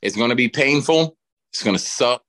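A man's voice: mid-range voice, expressive, moderate pace, a bit bright. A middle-aged man talking as a podcast guest in casual chat, rambling with lots of fillers and restarts. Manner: rambling, drawling talk with frequent fillers and restarts.

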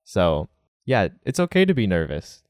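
Man, young adult, very low voice, dry close sound, casual interview, laid-back, laughs a lot. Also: normal speed, smooth, dry recording. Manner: relaxed, laughs often, frequent "like" fillers. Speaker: guest, Japanese learner living in Japan.

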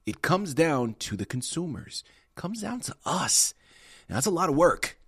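A man's voice: a little high, sing-song, normal speed, breathy edge, no room sound, studio quality. A man hosting a podcast, talking emphatically and urging listeners directly. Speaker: podcast host. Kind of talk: enthusiastic interview host.

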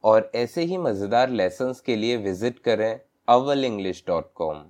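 Slow, low-voiced male English tutor. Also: animated, darkish tone. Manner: slow, deliberate, spells words letter by letter. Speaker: English teacher. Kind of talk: recorded language lesson.

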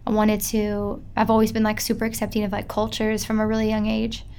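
A woman's voice: mid-range voice, monotone, a little fast, darkish tone, smooth. A young woman, chatting casually as an interview guest and filling her talk with "like". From Midwest United States. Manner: chatty, lots of filler "like".

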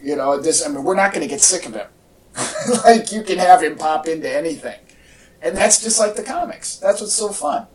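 Expressive and fairly high-voiced, a man at normal speed co-hosts a fan podcast about superhero movies, talking in an eager, rambling way. A crowd can be heard behind him, and he's far from the mic in an echoey home recording.

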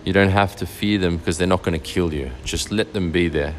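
A man leading a guided meditation in a slow, soft and soothing way. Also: deep voice, slight background noise. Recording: faint music behind.

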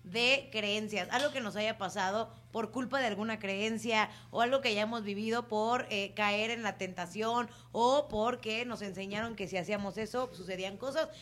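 A woman's voice: mid-range voice, moderate pace, few pauses, fairly bright tone, slight background noise. Mexican woman hosting, teasing banter. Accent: Mexican Spanish. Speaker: podcast host. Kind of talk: casual chat.

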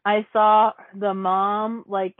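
A woman's voice: mid-range voice, little pitch movement, very slow, dry recording. A woman in casual chat, rambling with many fillers and frequent laughs. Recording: dry, phone-like audio.

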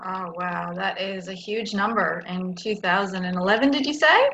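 A woman's voice: medium pitch, normal speed, lo-fi sound, over a noisy crowd. A woman hosting an interview, encouraging and affirming her guest. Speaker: interview host. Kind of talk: conversational interview.

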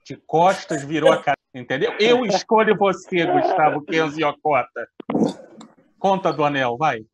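A host with a lively, swooping delivery prods guests to spill their stories, sounding a little dull and muffled. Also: medium pitch, normal speed. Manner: teasing, prodding the guests. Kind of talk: casual chat.

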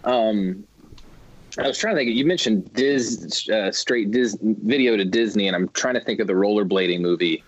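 A man's voice: on the low side, moderate pace, highs cut off, slight background noise. A man in his thirties co-hosting a sports podcast in casual chat, rambling with many restarts. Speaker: podcast co-host.

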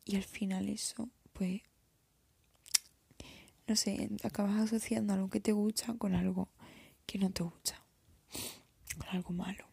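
Whispering young woman, breathy and gravelly. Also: mid-range voice, level tone, a little slow, long pauses, dry recording. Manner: soft whisper, hesitant and reflective. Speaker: art student. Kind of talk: whispered confessional vlog.

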